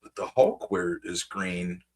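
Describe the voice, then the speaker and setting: A man's voice: deep voice, very animated, slow. A man hosting a casual podcast chat, rambling and hesitant, often restarting his sentences.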